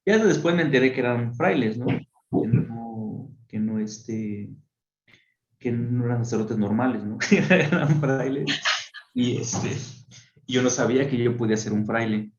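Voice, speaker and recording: Man, friar, radio interview, animated storytelling, echoey room, dull sound. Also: mid-range voice, a little slow. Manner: animated storyteller who acts out voices. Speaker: friar telling his story. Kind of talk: radio interview, personal testimony. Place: radio studio.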